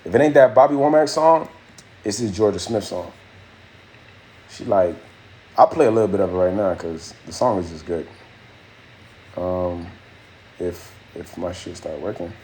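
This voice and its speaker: A deep, dark voice with a little hiss or hum belongs to a young man of Haitian background hosting a casual stream. He moves at a moderate pace with long pauses, chatting in slang and answering viewers' comments, and raps his verse in a raised, rhythmic way.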